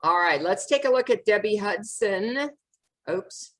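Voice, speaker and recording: A woman with a medium-pitched, slightly bright voice hosts a notary Q&A webinar over video call. She speaks expressively and without hurry, moderating casually in a friendly, encouraging way.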